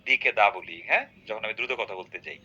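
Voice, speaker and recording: Bright-voiced quizzing teacher. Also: male voice, lowish voice, brisk, breathy edge. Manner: quizzes the student often with short tag questions. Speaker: English teacher. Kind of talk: classroom grammar lesson. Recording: dull lo-fi recording.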